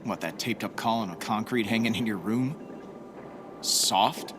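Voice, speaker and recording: Man acting as the Winter Soldier, low and slow. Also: over music, natural voice. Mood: teasing. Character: brooding, guilt-ridden brainwashed soldier turned hero, weary but loyal. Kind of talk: cinematic video game acting and narration.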